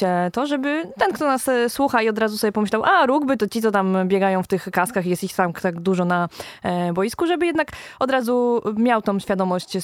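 Young woman interviewer, middle pitch, dry booth sound, hesitant filler-heavy questions. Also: darkish tone, no echo. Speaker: radio host. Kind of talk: radio interview.

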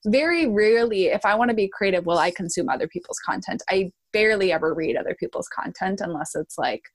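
A woman's voice: medium pitch, expressive, fast. A woman hosting a podcast in a casual, chatty interview style, informal and a little self-deprecating. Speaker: podcast host.

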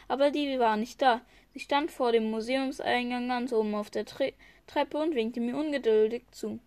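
A woman's voice: on the high side, darkish tone, dry recording. A woman reading a novel chapter aloud, often stumbling and restarting words. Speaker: reader.

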